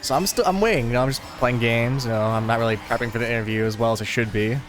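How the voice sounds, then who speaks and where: A young man hosting a gaming video chats casually while playing a racing game, his mid-range voice rapid-fire over background music. He tells a rambling, laid-back story packed with fillers.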